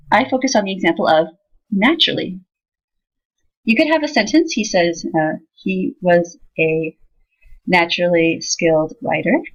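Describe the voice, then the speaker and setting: A woman teaching a software tutorial in a casual way, thinking aloud with fillers as she demonstrates. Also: medium pitch, slightly rough. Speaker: instructor. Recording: slightly dull lo-fi sound.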